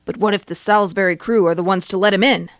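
A woman's voice: medium pitch, fairly even intonation, fast talker, dry recording, clean studio sound, lightly acted. An actress playing a level-headed female space crew member who answers in a matter-of-fact, patient way.

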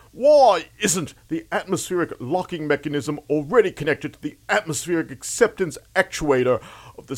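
A man voicing a pompous, blustering male space admiral in a radio comedy sketch. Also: fairly high pitch. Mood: impatient.

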